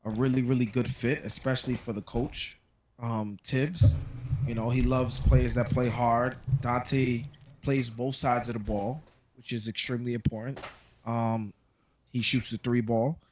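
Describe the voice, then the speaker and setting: A man's voice: mid-range voice, little pitch movement, unhurried, background noise. A man on a casual sports podcast who gives his views hesitantly, with many ums. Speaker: podcast co-host.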